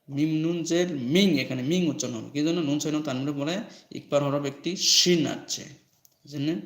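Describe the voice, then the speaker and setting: A man teaching Quran recitation, spelling the words letter by letter and explaining the rules in plain talk. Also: a little high. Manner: recites verses in a slow drawn-out chant, then spells and explains in plain speech. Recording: echoey room.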